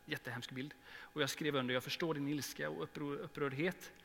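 A man's voice: fairly high pitch, steady tone, gravelly. A man preaching earnestly to his congregation as pastor, then leading a prayer. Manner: earnest, with emotional swells and soft prayerful drops. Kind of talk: sermon with prayer. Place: church hall. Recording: long reverb in a church hall, faint hum.

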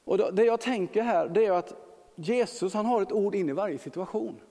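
An earnest male preacher working through a Bible passage, stacking repeated phrases and everyday fillers. His voice sits fairly high, and the words ring out with a long reverb tail, as if spoken in a church hall. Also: warm tone.

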